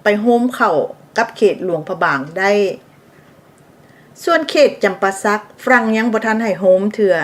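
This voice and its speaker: Woman narrating history with explanatory asides. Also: medium pitch. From Laos. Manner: explanatory, adds asides for the listener.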